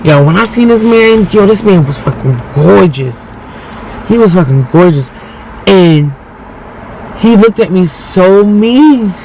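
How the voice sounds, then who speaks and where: A man casually telling personal stories in animated, profane, slangy talk, acting out what people said. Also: sits high, unhurried, creaky, a little hiss or hum, poor audio. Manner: animated, profane, slangy, acts out quoted speech. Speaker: storyteller.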